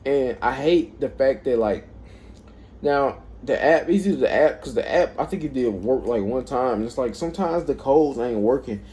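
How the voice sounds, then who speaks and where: A man with a mellow, warm voice vents in a loose, rambling monologue. He swears freely and sounds fed up as he tells his story. His pitch sits in an ordinary middle range for a man. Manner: rambling, profane, frustrated. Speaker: vlogger, former delivery driver. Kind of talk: casual venting monologue.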